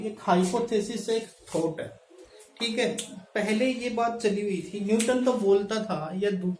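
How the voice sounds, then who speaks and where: A male teacher giving a classroom chemistry lecture. He addresses students as "beta" and keeps checking in with "thik hai", slowing down to dictate terms. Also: sits high, a little mellow, slight background noise. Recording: echoey room, mic at a distance.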